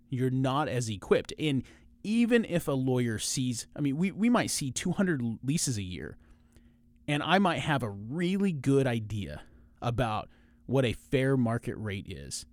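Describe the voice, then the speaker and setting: A man who works as a lawyer, hosting a podcast and explaining a topic in a measured way with frequent restarts. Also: mid-range voice, a little mellow, dry recording. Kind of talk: informational podcast monologue.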